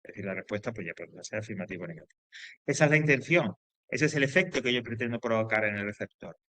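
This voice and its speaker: A man's voice: on the low side, lively intonation, quick pace, sharp tone, dry recording. Male teacher in a dry room. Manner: explains with repetition and lots of "¿vale?" check-ins; loose, hesitant phrasing with fillers and restarts. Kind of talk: classroom grammar lesson.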